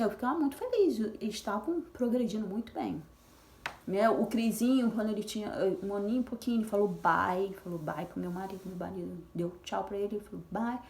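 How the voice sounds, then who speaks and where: A woman's voice: mid-range voice, a little mellow. A woman sharing her story as a mother of twins in a casual personal vlog, talking in a chatty way with many fillers and restarts. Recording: echoey room.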